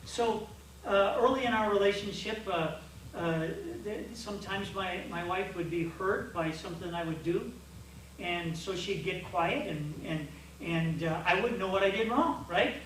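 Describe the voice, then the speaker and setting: High-voiced man in an echoey hall. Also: a little slow, far from the mic, a little hiss or hum. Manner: storytelling, animated and repetitive, with restarts. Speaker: men's coach. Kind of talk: church coaching talk to men.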